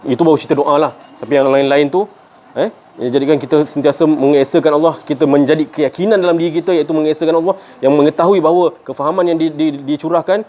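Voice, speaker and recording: A man's voice: a little high, fairly even intonation, fast talker, a little mellow. A man with a Malaysian Malay accent, a student who recites a Quran verse and then asks a hesitant question full of fillers.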